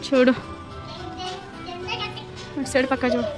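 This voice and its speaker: A woman's voice: high voice, little pitch movement, unhurried. A young mother, chatting to camera and coaxing and fussing over her small son. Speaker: mother vlogging a family outing. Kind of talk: casual family vlog. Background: background music.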